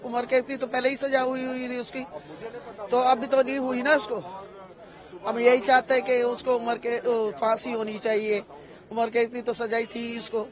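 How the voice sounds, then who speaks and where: A woman's voice: a little high, level tone, moderate pace, crowd noise. A middle-aged woman in a street interview, insistently repeating her demand for justice as a victim's daughter.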